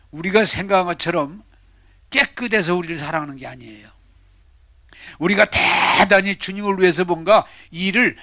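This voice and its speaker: Older pastor preaching with bright fervor. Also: male voice, sits high, no room sound, clean studio sound. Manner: dramatic, swinging between loud and whispered. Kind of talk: sermon.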